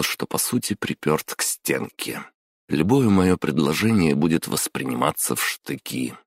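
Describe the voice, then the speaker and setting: Very deep, gravelly male audiobook narrator. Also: no echo, clean studio sound. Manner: steady, dramatic storytelling. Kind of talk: first-person audiobook narration.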